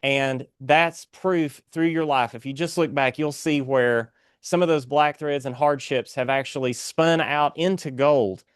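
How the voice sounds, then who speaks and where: A man's voice: medium pitch, fairly even intonation, measured pace, hardly any pauses, clean tone, no echo, studio quality. A man with an Appalachian accent speaking as a guest author in an earnest, inspirational interview, exhorting like a preacher.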